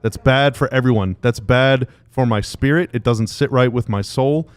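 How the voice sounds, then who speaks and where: A man's voice: medium pitch, normal speed, clean tone, dry recording. A man co-hosting a sports podcast, talking in a casual, opinionated way and repeating phrases for emphasis. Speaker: podcast co-host.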